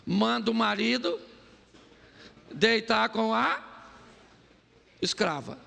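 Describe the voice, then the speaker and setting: A man preaching a humorous sermon as a pastor, animated and often quizzing the listeners. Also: high-pitched, slow, gravelly, long reverb tail. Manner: animated, joking, asks the crowd "sim ou não?".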